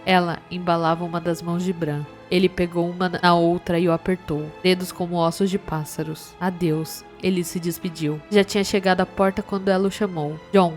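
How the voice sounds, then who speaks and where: Woman, audiobook narration, calm even delivery, faint background music. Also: lowish voice, brisk, few pauses.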